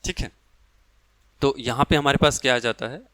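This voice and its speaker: A man's voice: mid-range voice, steady tone, moderate pace, bright, forceful tone, clear, resonant tone, no echo. A man teaches a math lecture, explaining step by step and answering his own questions.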